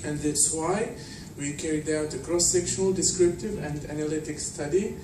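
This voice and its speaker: A man from Tunisia presents at a conference, his voice sitting a little high for a man. He speaks in a measured, explanatory way with fillers. The sound is distant and echoey, with noise in the hall. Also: steady tone. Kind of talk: academic conference talk.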